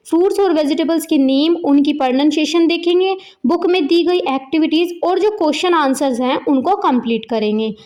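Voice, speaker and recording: Patient high-voiced woman teacher. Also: darkish tone. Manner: slow, patient word-by-word explaining. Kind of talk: explaining a textbook lesson.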